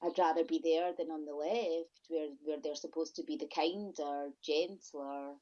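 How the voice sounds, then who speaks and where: A woman's voice: low-pitched, fairly even intonation, a little slow, darkish tone. A woman guest in a podcast interview, talking emphatically and often repeating and restarting her phrases. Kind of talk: conversational interview. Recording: lo-fi dull audio.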